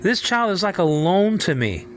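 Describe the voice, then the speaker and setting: A man of sixty giving an informal talk on faith, halting and repeating himself, often asking if the listener follows. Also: sits high, very animated, fairly bright tone, slight background noise. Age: 60s. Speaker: father speaking on faith.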